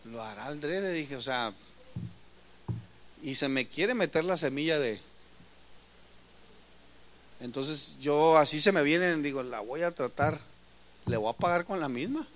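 High-voiced impassioned male preacher. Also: measured pace, long pauses. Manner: impassioned preaching, rising loud on key lines, dropping to soft asides. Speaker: pastor. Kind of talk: sermon.

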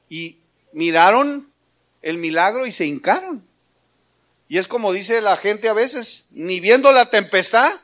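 A man preaching a sermon, firing rhetorical questions at the congregation and calling them brother, building to emphatic passages. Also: high voice. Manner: rises to emphatic, louder preaching.

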